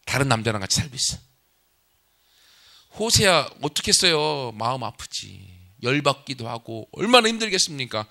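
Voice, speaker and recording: Pastor preaching with forceful bright tone. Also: male voice, medium pitch, big pitch swings, moderate pace, vocal fry. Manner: conversational preaching with rhetorical questions to the congregation. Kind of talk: sermon.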